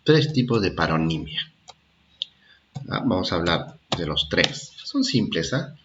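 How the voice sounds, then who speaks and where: A man's voice: sits low, sing-song, dull audio, noisy background. A man teaching a primary school lesson, repeating his points and checking understanding as he goes. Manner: slow, repetitive, checks understanding with "¿ah?" and "¿de acuerdo?". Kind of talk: recorded classroom lesson for children.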